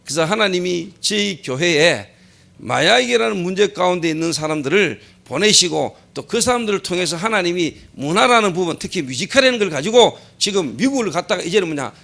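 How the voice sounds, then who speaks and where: A man's voice: high-pitched, animated, a little fast, gravelly, sharp tone. A middle-aged male pastor preaching a sermon at a church service. He keeps posing rhetorical questions, answers them himself, and repeats key phrases for emphasis.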